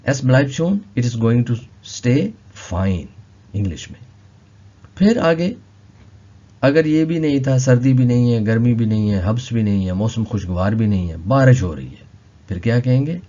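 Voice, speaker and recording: A man teaching a language lesson, slowly repeating each word several times. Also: mid-range voice, animated, dark tone, lo-fi sound. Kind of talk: explaining vocabulary lesson.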